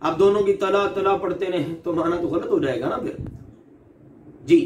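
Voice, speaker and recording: High-voiced man teaching recitation, echoey room. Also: distant mic, a little hiss or hum. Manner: drawn-out, emphatic demonstration of letter sounds; patient, repeats each example. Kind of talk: recorded recitation lesson. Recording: echoey room, off-mic, faint ambience.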